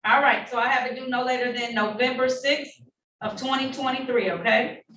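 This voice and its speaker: A woman judge running formal hearings, brisk and polite, heard in a courtroom recording. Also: high-pitched, steady tone, sharp tone. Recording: echoey room heard from a distance, faint noise.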